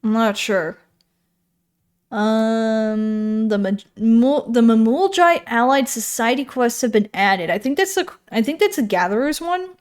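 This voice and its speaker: Slow-talking woman streamer thinking aloud. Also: on the high side, darkish tone, smooth. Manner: rambling, self-correcting, thinking aloud. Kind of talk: casual stream chat reading patch notes.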